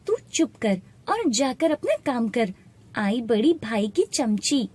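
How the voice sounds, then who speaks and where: A woman voicing a harsh shopkeeper's wife who talks in a shrill, scolding way. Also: big pitch swings, slow pace, darkish tone, breathy edge, heavily acted. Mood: contemptuous.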